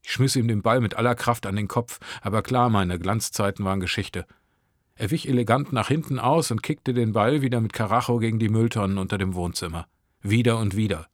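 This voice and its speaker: A man's voice: lowish voice, a little fast, dry recording, studio quality. Man reading a sardonic story. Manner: sardonic, crude first-person narration. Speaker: narrator. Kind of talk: reading a short story aloud.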